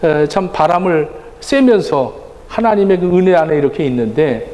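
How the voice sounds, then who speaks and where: Animated preaching man in reverberant hall. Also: on the high side, moderate pace. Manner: conversational preaching, acting out quoted exchanges. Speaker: pastor. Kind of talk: sermon. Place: church sanctuary. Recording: roomy church hall reverb, faint ambience.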